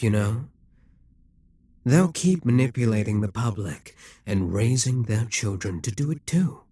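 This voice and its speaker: A man voices an immortal demon king, scheming and possessive, in an audio roleplay, speaking in a measured, persuasive way with quiet whispered asides. His voice is medium-pitched and husky, with no room sound.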